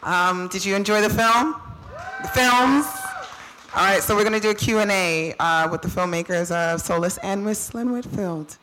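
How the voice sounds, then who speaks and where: An upbeat woman moderates a live Q&A, firing off quick questions. Her voice has a bright, sharp edge. Faint clicks sound in the background. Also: mid-range voice, slight background noise, rough recording.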